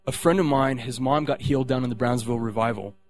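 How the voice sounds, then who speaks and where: A man's voice: mid-range voice, fast talker, a little mellow. A man sharing a personal faith testimony, rambling, with many restarts and fillers.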